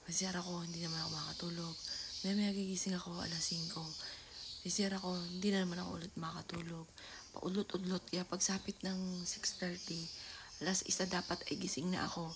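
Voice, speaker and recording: Middle-aged woman vlogger with a low voice, soft and half-whispered, recorded at home with noticeable background noise. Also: flat delivery, brisk. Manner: soft-spoken, often half-whispered, bursting into loud calls. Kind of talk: casual vlog storytelling. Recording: noisy home ambience.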